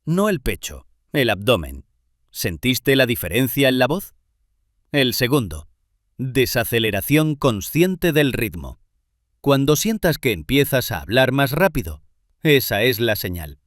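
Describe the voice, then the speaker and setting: A man giving scripted narration in measured, short phrases with pauses. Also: medium pitch, big pitch swings, no room sound, clean studio sound.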